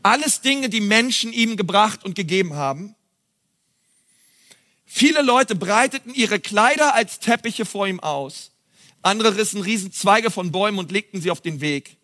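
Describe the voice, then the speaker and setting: A male pastor giving a lively sermon, reading scripture aloud and talking directly to the congregation in a conversational way. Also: sits high, normal speed. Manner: reads scripture aloud and then comments on it.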